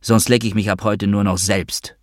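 A man voicing a fiery, bitter woman in her thirties who curses and accuses in a deep, dry reading. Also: flat delivery, normal speed, no echo, natural voice. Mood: tearful accusing. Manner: cursing, accusing.

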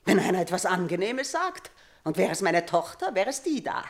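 A woman's voice: lowish voice, big pitch swings, normal speed. A haunted aging queen. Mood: weary. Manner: theatrical, swings from loud cries to hushed near-whispers. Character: aging queen mother haunted by nightmares, fearful and imperious. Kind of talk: 1950s radio drama acting.

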